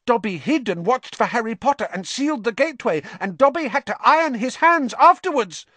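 A reader voicing a pitiful, servile male house elf who talks in a squeaky, fretful, pleading way. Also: animated, a little fast, a bit bright. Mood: anxious servile.

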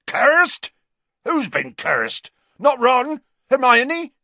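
A man reading an audiobook voices a huge bearded gamekeeper, gruff and kindly, calling out over the wind. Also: very high-pitched, wildly swooping pitch, extremely slow, bright, forceful tone, no echo, pitched above the performer's own voice, exaggerated voice. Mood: alarmed.

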